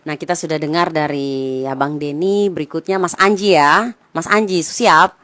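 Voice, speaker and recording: A woman hosts an interview program, affirming what her guests share and leading into her next questions with polite, drawn-out phrasing. Her voice sits quite low for a woman. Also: fairly bright tone, a little hiss or hum. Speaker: talk show host. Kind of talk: talk show interviewing.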